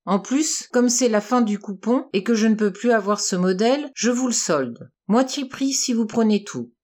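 A woman reading a smooth-talking male cloth seller with a persuasive sales patter. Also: on the high side, expressive, moderate pace, darkish tone.

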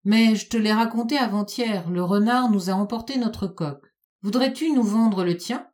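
A woman reading a storybook and voicing a smooth, cajoling male neighbour farmer. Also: mid-range voice, moderate pace, darkish tone, natural voice.

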